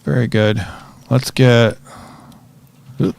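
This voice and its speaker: A man giving relaxed, chatty commentary while he plays a survival game, talking to himself as he goes. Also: medium pitch, slow pace, creaky. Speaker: gaming streamer. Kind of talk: casual gameplay commentary.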